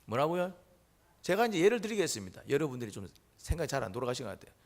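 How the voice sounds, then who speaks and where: A man's voice: a little high, very animated, rapid-fire. A middle-aged male pastor giving a Sunday sermon, firing off rhetorical questions, answering them himself and acting out the voices he quotes.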